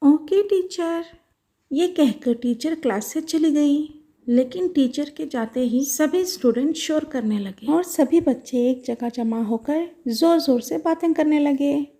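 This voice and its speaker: A woman's voice: high voice, a little slow, mellow. A woman narrating a scripted children's doll-show story in a simple storybook manner.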